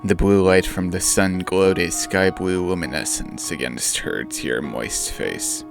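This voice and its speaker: Slow gravelly-voiced man reading his story. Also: deep voice. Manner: subdued, mournful first-person reading. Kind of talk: audiobook narration. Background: faint guitar music.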